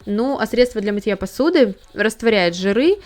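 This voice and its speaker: A woman giving a calm, step-by-step scripted voice-over on cleaning a pan. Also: mid-range voice, normal speed. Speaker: home cleaning tips host.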